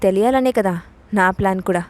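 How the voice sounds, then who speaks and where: A woman's voice: medium pitch, brisk, darkish tone, lightly acted. A woman reading the part of a domineering young man who mocks and threatens in curt warnings. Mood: sarcastic.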